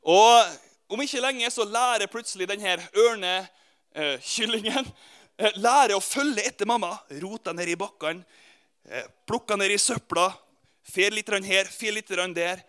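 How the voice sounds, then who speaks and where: A Norwegian man preaching a sermon, telling a story and speaking directly to his listeners in a lively way. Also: sits high, clear, resonant tone. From Norway.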